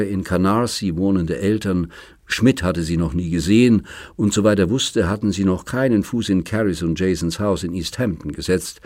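A man reads a novel aloud in a calm, even way, his voice deep and low. The recording is dry and close, with no room sound. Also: no room sound. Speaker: audiobook narrator. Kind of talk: scripted narration.

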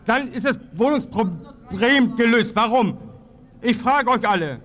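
A man in his thirties with a very high voice speaks at an open-air forum. He stumbles and restarts, repeating words as he presses his question. He talks into a handheld microphone. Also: animated, measured pace, fairly bright tone, a little hiss or hum. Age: 30s. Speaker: father of three speaking at a public forum. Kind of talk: unscripted public appeal. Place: outdoor public square.

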